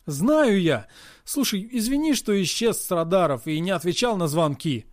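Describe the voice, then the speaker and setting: A flustered young hero brushes off his friend's praise in an audiobook dialogue, read by a man. His delivery is lively, and the sound is close and dry. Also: high-pitched, normal speed, no echo. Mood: protesting. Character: young male hero, modest, embarrassed.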